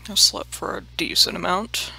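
A woman's voice: on the low side, lively intonation, moderate pace, gravelly, sharp tone, slightly rough. A woman hosting a let's play, chatting casually and mocking herself, swearing freely and dropping into murmured half-whispered asides. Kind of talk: casual gameplay commentary.

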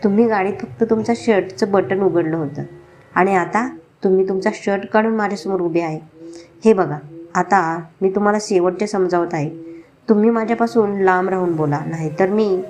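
A woman voicing a feisty young woman who speaks in an indignant, sharp way in a storybook reading. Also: mid-range voice, normal speed, slight background noise, close to an everyday voice. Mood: angry.

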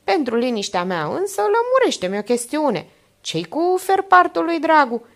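A woman voicing an older aunt, worldly and smoothly polite, who presses with coaxing, insistent questions in an audiobook reading. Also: high-pitched, very animated, pitched above the performer's own voice, exaggerated voice. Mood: pressing.

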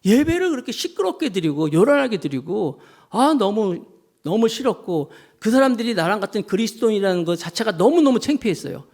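A man's voice: sits high, very animated, fairly quick, a little mellow, voice pushed up, full character voice. A male pastor voicing a critical churchgoer who complains in an aggrieved tone in a sermon story.

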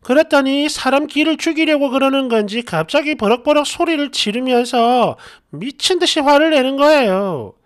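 A woman's voice: high voice, expressive, moderate pace, hardly any pauses. A woman hosting her channel, reading online posts aloud in a chatty way and tossing in sarcastic asides. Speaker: channel host.

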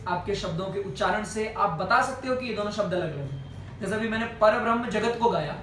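A man's voice: high-pitched, fairly quick, fairly bright tone, slight background noise. A man teaching a singing class, explaining patiently, checking with his students and breaking into song to demonstrate. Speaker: music teacher. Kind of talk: music lesson with sung examples. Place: indoor music class. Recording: roomy, distant mic, music behind.

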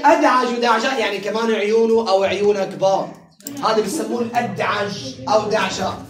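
Woman teaching a noisy classroom. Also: medium pitch. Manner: drills word patterns slowly and repeats them; chatty, laughs with students. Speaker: Arabic teacher. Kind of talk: classroom lesson. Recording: roomy classroom sound from a distant mic, crowd behind.

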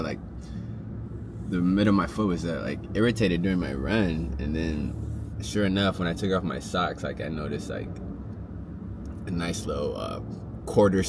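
A man's voice: low voice, creaky, noisy background. A man in his thirties chatting casually to his vlog in a laid-back, slangy way, recorded on a handheld phone. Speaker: vlogger and father. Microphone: phone at arm's length.

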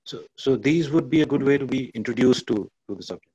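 A man with an Indian English accent, moderating an online panel and framing his questions with measured repetitions. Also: mid-range voice, lively intonation, dark tone, slightly rough. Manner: measured, repeats words as he frames questions. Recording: muffled video-call audio.

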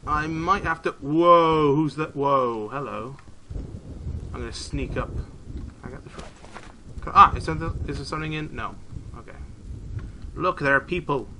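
A British man talks through a game he is playing for the first time, chatty and quick to burst into excited exclamations. His voice sits a little high and sounds very bright, and he speaks at an unhurried, slow pace. A faint hiss of noise runs under his voice. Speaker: gaming YouTuber. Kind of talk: casual let's-play commentary. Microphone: desk mic, no camera.

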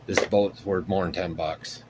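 Here the same kind of RC hobby host sits low in pitch, keeps his intonation fairly even, and takes his time. Background noise runs under his casual workbench show-and-tell, where he muses aloud, full of fillers, while working on his project at home.

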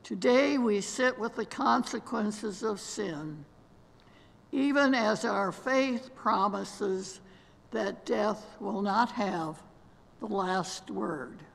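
Older woman, worship leader, solemn measured reading, long church reverb. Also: mid-range voice, vocal fry. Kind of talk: slow scripted meditation and prayer. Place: large church sanctuary, seated among robed choir.

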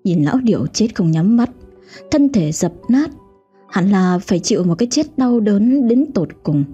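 A woman narrates a ghost story in scripted, dramatic fashion, her voice mellow and a little husky with a lively, swinging melody. The audio is dull and lo-fi, with faint music running underneath. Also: mid-range voice, normal speed. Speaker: storyteller host.

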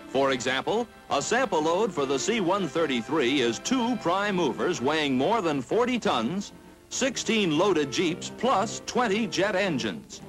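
A male announcer in the old newsreel manner, his voice a touch higher than most men's and swinging widely up and down as he declaims. Band music plays clearly under his brisk, punchy delivery. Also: low-quality recording. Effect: old newsreel narration. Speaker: newsreel narrator. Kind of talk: scripted newsreel narration. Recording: newsreel voice over loud music.

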